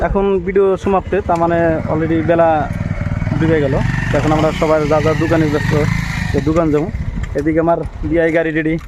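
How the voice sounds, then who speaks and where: A young man talks quickly in a high voice, rambling through a casual sign-off to his viewers. Steady street noise fills the outdoor recording behind him. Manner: rambling and chatty, signs off to viewers. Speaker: vlogger, channel owner. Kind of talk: casual vlog chat. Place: outdoors by a busy road.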